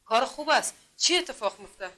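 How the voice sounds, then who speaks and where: A woman's voice: sits high, expressive, sharp tone. A woman from Afghanistan teaching adults to read in a classroom, patiently drilling them with repeated questions. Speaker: literacy teacher.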